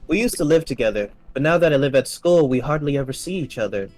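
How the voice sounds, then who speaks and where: A man reading the lines of a gentle, polite young woman in a calm, soft-spoken way, close to his own voice. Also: medium pitch, fast, soft background music, close to an everyday voice.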